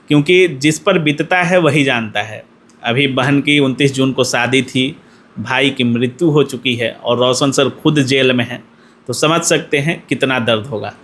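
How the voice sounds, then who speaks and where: A man's voice: medium pitch, fairly bright tone. A male news interviewer who asks questions politely, calls his guest sir, and closes the segment by speaking to viewers.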